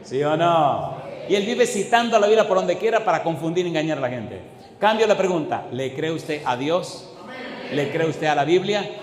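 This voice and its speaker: A man preaching a sermon as pastor. He hammers the congregation with repeated questions and swings between quick bursts and slow, stretched words. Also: on the high side, animated. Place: church hall. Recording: echoey hall with faint ambience.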